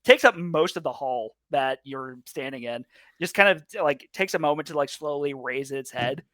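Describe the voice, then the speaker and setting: Bright-voiced game master narrating. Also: male voice, medium pitch, moderate pace, no room sound, clean studio sound. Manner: loose, full of "like" and fillers, laughs often.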